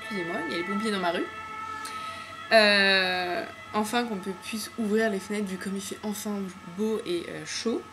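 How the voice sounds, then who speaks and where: A woman's voice: mid-range voice, steady tone, normal speed, music in the background. Chatty woman gushing about polish. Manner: chatty and enthusiastic, many fillers and slang. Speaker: beauty vlogger. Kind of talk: casual nail polish haul chat. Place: home room with windows open to the street.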